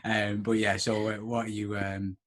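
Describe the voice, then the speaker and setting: A man's voice: lowish voice, flat delivery, normal speed, a bit bright. A man in his thirties hosting a podcast, rambling and self-mocking, laughing often. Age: 30s. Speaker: podcast host. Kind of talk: casual podcast chat.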